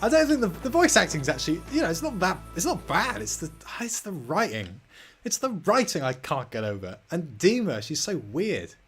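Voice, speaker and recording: A man's voice: sits high, sing-song, normal speed. A man giving rambling, self-deprecating commentary while he plays a video game. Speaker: gaming commentator. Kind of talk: let's-play commentary. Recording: loud game music under voice. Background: game music and sound effects.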